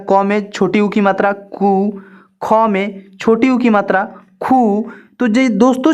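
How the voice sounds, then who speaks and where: A fairly high-pitched woman walks learners through an alphabet lesson. She speaks very slowly and patiently. She repeats each point and draws out her words, like a teacher at a board. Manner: patient, repetitive, drawn-out teacher delivery. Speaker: online Hindi teacher. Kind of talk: slow step-by-step alphabet lesson.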